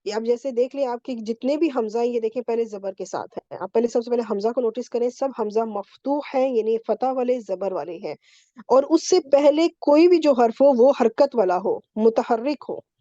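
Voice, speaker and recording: A woman's voice: a little high, dark tone, no echo, dull audio. A woman teaching Quranic Arabic grammar in an online class, explaining patiently step by step and checking in often with her students. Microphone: computer mic on a video call.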